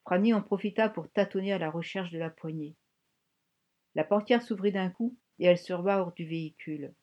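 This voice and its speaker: A woman reading a novel aloud in measured, vivid scripted narration. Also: fairly low pitch, muffled recording. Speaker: audiobook narrator.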